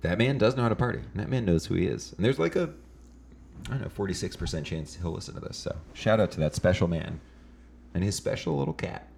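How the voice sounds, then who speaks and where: A man with a very low voice, full of lively swings in pitch. He trades wry jokes in a relaxed podcast chat. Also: quick pace, vocal fry, slight background noise. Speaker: podcast guest.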